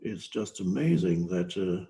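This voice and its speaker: An older man giving a guided meditation talk as a spiritual teacher, slow and hesitant, with long pauses between phrases. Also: low voice, animated, creaky, warm tone, poor audio.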